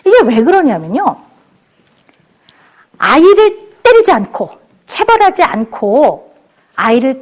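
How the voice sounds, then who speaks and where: A woman in her forties giving a televised lecture to parents, animated and laughing as she acts out how parents talk. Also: sits high. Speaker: child psychiatrist lecturer.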